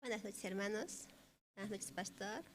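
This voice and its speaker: A woman's voice: mid-range voice, normal speed, a little hiss or hum. A woman, a church member, greeting the pastor and congregation before giving her testimony at a prayer service.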